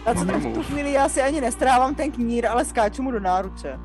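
A woman's voice: a little high, lively intonation. A woman taking part as a player in a tabletop game, playful and laughing often. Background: background music.

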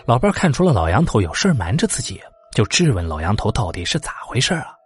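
A male storyteller giving an expressive narration of a folk-horror tale. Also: fairly low pitch, quick pace, breathy edge. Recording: faint background music.

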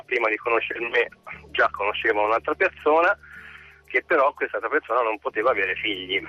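A middle-aged man calling in over the phone from his parked car, speaking in a halting, hesitant way. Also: mid-range voice. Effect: heard over the phone. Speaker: caller. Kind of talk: call-in radio chat. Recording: dull lo-fi phone line.

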